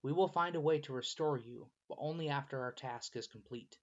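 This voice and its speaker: A man reading the lines of a calm, resolute warrior captain in a storybook, slightly muffled recording. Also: medium pitch, brisk, natural voice. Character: stern, loyal male captain and warrior.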